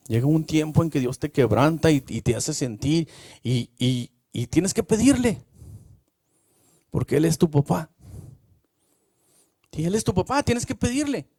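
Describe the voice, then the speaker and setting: A minister preaches in a fairly high voice, dry and close to the mic. He keeps the tone conversational and often checks in with the congregation. He builds to loud, repeated phrases. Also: no echo. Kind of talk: sermon.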